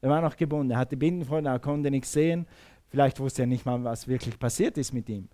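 A man preaching a sermon, shifting between quiet talk and loud calls. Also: mid-range voice, a little fast.

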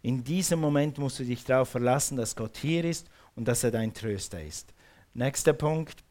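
A man's voice: medium pitch, normal speed, a little mellow. Fervent preacher man. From Switzerland. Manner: fervent, repetitive, calls for congregation responses. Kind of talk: sermon.

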